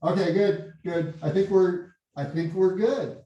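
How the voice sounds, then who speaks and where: A man hosts a meeting in a casual, halting way and often repeats a word before going on. His mellow voice booms back with a hollow echo, like a cave. He sits well back from the computer mic in a very reverberant meeting room. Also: fairly even intonation, highs cut off. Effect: hollow cave-like echo, as if speaking in a hole. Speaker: meeting host. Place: meeting room with windows and blinds. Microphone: computer mic set back from the speaker. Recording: very echoey room, far from the mic.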